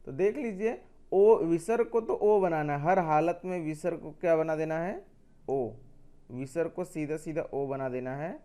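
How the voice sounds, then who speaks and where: A man's voice: on the high side, unhurried, mellow, clean tone. A man teaching a grammar lesson, explaining step by step, asking questions and answering them himself, and repeating key points.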